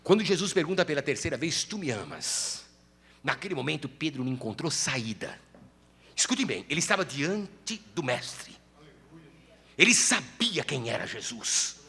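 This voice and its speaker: Male pastor, sermon: high, bright and very animated, church hall reverb. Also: normal speed, gravelly, slightly rough. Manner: animated storytelling preacher.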